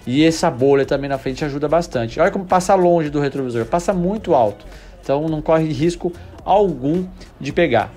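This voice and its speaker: A man's voice: on the high side, brisk, dark tone, faint music behind. A man hosting a motorcycle channel, giving enthusiastic casual test-ride commentary straight to his viewers, repeating himself as he goes.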